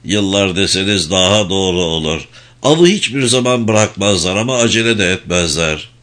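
Man reading as steady, patient lawyer character in an audiobook, low voice, measured delivery. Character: calm, firm middle-aged male lawyer executor.

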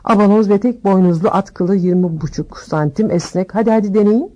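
A woman voicing an eccentric old male wandmaker who talks briskly and insistently, sinking to murmurs. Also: medium pitch, warm tone, highs cut off, lightly acted.

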